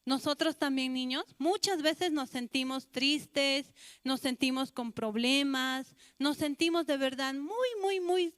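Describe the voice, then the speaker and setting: A woman's voice: high voice, slow, dry recording, clean studio sound. A woman with a Bolivian Spanish accent, a children's church teacher telling a sermon story and asking the children questions. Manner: addresses children directly with questions.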